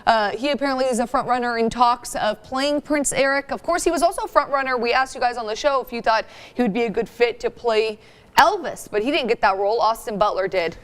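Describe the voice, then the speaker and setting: A chatty woman with a faint lilt co-hosts a casual morning talk segment. Her voice sits a little high. She keeps things friendly and reads out viewer comments. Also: fast talker. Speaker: morning show co-host. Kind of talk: casual live-stream chat.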